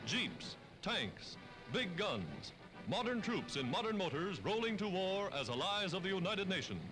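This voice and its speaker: An American man narrates a scripted 1940s newsreel in a dramatic, emphatic, declamatory style on a vintage film soundtrack, with orchestral music behind him. His high voice swings widely in pitch, and he's unhurried.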